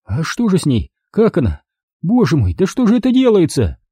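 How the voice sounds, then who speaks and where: A man's voice: sits high, huge pitch swings, normal speed, warm tone, breathy edge, no echo, studio quality, pitched above the performer's own voice, heavily acted. A man voicing a timid, frightened young woman who speaks in a pleading way.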